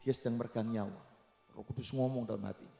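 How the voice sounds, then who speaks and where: A man's voice: medium pitch, steady tone, fast, vocal fry. A man preaching a sermon, telling a story with emphasis and calling to his listeners in a church. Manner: emphatic, addresses the audience as brothers and sisters. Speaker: pastor. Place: church sanctuary. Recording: echoey church hall with soft music.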